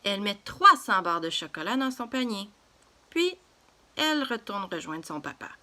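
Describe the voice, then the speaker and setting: Gently and expressively, a woman reads a children's story out loud at a moderate pace, in a mid-range voice.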